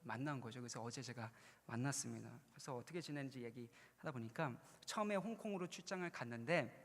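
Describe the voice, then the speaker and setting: A man's voice: mid-range voice, fast talker. A pastor in his forties giving a conversational, storytelling sermon at a youth retreat, building to earnest, emphatic points. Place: large church hall. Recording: long reverb in a large hall.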